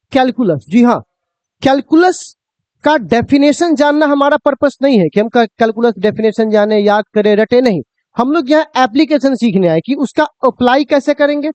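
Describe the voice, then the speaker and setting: High-voiced male physics teacher. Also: a little mellow, clear, resonant tone, dry recording. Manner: addresses students fondly, asks and answers his own questions. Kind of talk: classroom lecture to students.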